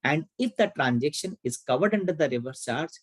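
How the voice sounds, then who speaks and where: A man's voice: on the high side, lively intonation, brisk, husky, dry recording, low-quality recording. A man with an Indian English accent giving an online tax lecture, asking and answering his own questions and repeating key points. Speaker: tax educator.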